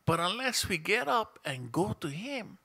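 His voice sits high and swings widely in pitch, bright and forceful with a breathy edge, and he takes his time. He is a middle-aged pastor with a Hawaiian Pidgin-tinged accent, giving a conversational sermon from his seat in a small church room with a stand mic before him and questioning the congregation.

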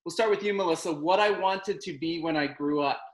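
Low-voiced woman in an echoey room. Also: brisk. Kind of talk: casual chat.

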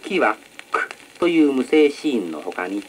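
Man lecturing with lively intonation. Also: mid-range voice, rough recording. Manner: measured, explanatory, polite formal lecturing. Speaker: announcing instructor. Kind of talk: instructional lecture on announcing. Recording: old record with faint noise.

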